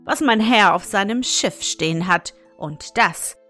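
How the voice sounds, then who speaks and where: A woman reading aloud, voicing a loyal, shrewd servant in a fairy tale, measured and persuasive. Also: medium pitch, sharp tone, faint music behind.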